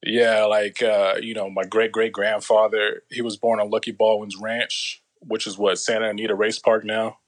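A man, telling his life story as a podcast guest in a relaxed, slangy way. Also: lowish voice, normal speed, hardly any pauses. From Los Angeles. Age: 30s. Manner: laid-back storytelling, slangy, many fillers. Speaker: guest, former soldier. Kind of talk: casual interview.

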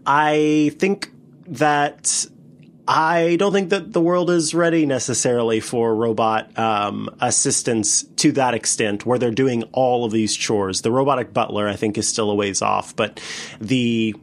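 A man talking casually as a podcast panelist, animated and rambling with fillers and restarts. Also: medium pitch, unhurried. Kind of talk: casual chat.

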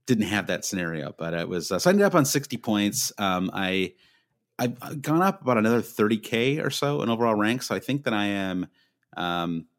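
Male podcast co-host, low voice, fast and halting with many restarts, casual chat. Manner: quick, hesitant, lots of restarts when excited. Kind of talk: casual fantasy football chat.

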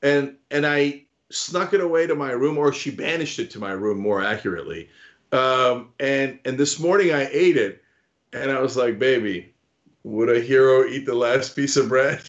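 A man's voice: mid-range voice, expressive, normal speed. Rambling older man with a Jersey accent. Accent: New Jersey. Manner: rambling storyteller, playful. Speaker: podcast host. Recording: dull lo-fi remote audio.

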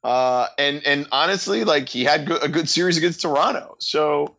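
A man's voice: fairly high pitch, moderate pace, vocal fry, fairly bright tone. A man guesting on a podcast, giving casual, emphatic sports commentary in short repeated phrases.

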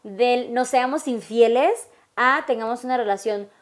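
A woman's voice: fairly high pitch, unhurried. A woman podcast co-host with a Mexican Spanish accent who is chatty and chimes in often to agree. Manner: chatty, frequent agreeing interjections. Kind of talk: casual podcast chat.

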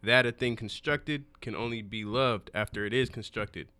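A man co-hosting a casual podcast, relaxed, reading a quote. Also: mid-range voice, normal speed, dry recording. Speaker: podcast co-host.

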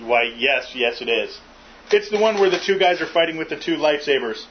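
A man's voice: on the high side, animated, brisk. A man hosting a podcast in casual chat, joking and rambling with fillers. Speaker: podcast host. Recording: muffled lo-fi with faint hiss.

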